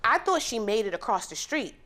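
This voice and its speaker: Woman giving animated courtroom testimony. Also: fairly high pitch, a little fast. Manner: vivid, animated retelling. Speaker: plaintiff on a TV court show. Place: TV courtroom set.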